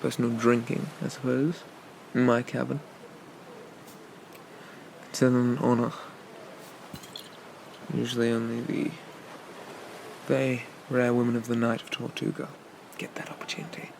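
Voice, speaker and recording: Faint noise sits behind a roguish, gentlemanly pirate captain, played by a man in an ASMR ASMR role-play. He talks very slowly, with a creaky, gravelly edge. His manner is flirty and teasing, with murmured asides. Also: mid-range voice, level tone.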